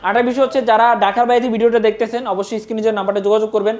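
Very fast Bangladeshi hard-sell phone seller. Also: medium pitch, little pitch movement, a little mellow. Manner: insistent, repetitive, urging. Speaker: phone shop salesperson. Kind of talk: hard-sell promotional product pitch.

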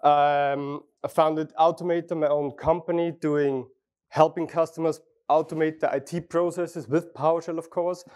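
A man's voice: on the high side, level tone, moderate pace, darkish tone. A middle-aged Austrian man with a German-speaking accent giving a friendly, chatty technical talk on a conference stage, often restarting phrases and asking the audience questions. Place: large conference hall.

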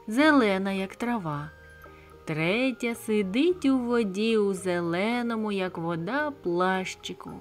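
Slow, gentle woman reading a fairy tale. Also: a little high. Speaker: audiobook narrator. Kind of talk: scripted bedtime story narration. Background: soft background music.

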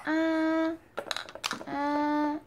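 A woman's voice: high voice, monotone, very slow, darkish tone, slight background noise. A mother speaking in coaxing, sing-song baby talk as she spoon-feeds her infant, sometimes answering in the baby's voice.

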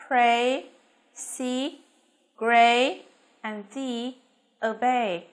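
A Vietnamese woman teaching English pronunciation, speaking slowly on her model words between quicker explanations. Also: on the high side, a bit bright. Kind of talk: pronunciation lesson.

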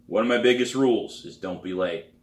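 A man's voice: on the low side, brisk, roomy sound, lightly acted. A man voicing a stern, no-nonsense male drum teacher who talks bluntly and firmly. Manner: blunt, firm, demanding.

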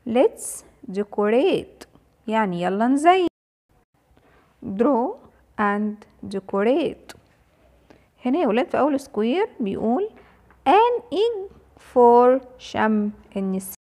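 A young woman with an Egyptian Arabic accent, teaching an English phonics lesson to small children and repeating each sound slowly. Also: a little high, warm tone. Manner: slow, drawn-out sounding of letters and words, repeated for children.

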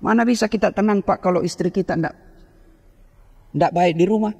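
A man's voice: high-pitched, moderate pace, vocal fry, a little mellow, breathy edge. A man preaching a humorous sermon, joking with the congregation and acting out the voices of husbands and wives. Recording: long hall reverb.

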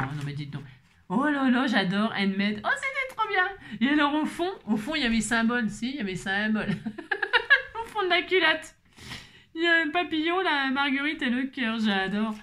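Chatty woman craft vlogger with a fairly high voice, playful and rambling, peppering her lines with "hein". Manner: bubbly, chatty, playful, sings snippets; repeats "hein" constantly. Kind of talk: casual chat.

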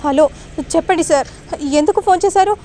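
A woman's voice: extremely high pitch, fairly quick, mellow, a little hiss or hum, voice pushed up. A woman voicing an anxious, pleading young woman. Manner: pleading, emotional. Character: anxious young woman torn between lover and father.

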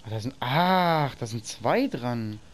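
A man's voice: medium pitch, expressive, slow, a little hiss or hum. A man casually commenting on a video game while he plays, thinking aloud and muttering to himself. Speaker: let's play host.

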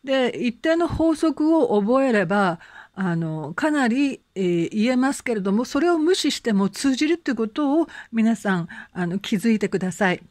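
Gentle, encouraging woman teacher, dry sound. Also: on the high side, sing-song, no room sound. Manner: gentle, encouraging, with frequent fillers; slow, careful spoken English examples for learners to repeat. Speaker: English conversation teacher. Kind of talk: online English lesson.

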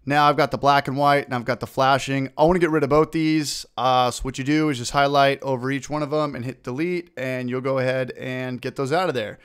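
Casting note: man, mid pitch, smooth resonant voice, casual upbeat tutorial host narrating his clicks. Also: fairly even intonation, fairly quick, hardly any pauses, fairly bright tone. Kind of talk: screen-recorded software tutorial.

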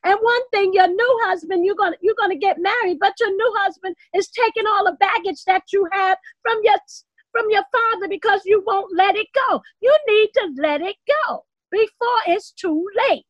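A woman's voice: very high-pitched, normal speed, hardly any pauses, no echo. A woman playing a mother urging her daughter, speaking in a coaxing but firm way. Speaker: church skit actor. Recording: dry, dull lo-fi sound.

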